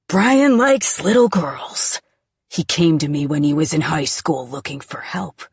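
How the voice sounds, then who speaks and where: A woman voicing a cornered middle-aged father who yells and refuses, then breaks down. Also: sits low, steady tone, moderate pace, breathy edge, no room sound, studio quality, voice pushed down, exaggerated voice. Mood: desperate.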